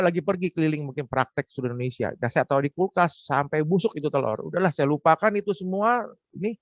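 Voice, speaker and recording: A man tells his personal testimony openly and without polish, in a somewhat high voice. The sound is dull and lo-fi, recorded dry with no room echo. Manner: frank, confessional storytelling. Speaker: testimony speaker.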